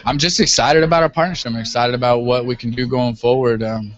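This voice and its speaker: A man with a mid-pitched voice talks as an interview guest. He explains things earnestly and casually, feeling his way through sentences with some hesitation. The audio is muffled and lo-fi. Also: fairly even intonation, quick pace. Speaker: guest, web business owner. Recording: dull, lo-fi audio.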